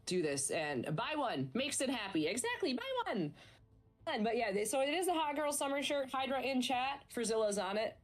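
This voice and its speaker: A woman casts a casual esports stream, chatting bubbly and upbeat with her co-caster and promoting merch. Her high-pitched voice is very animated at a moderate pace.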